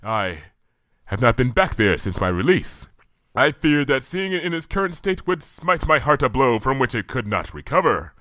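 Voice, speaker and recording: A man voicing a regal, impulsive female moon princess pony who speaks in archaic, booming proclamations. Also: very animated, moderate pace, pushed and bright, no echo. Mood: grand.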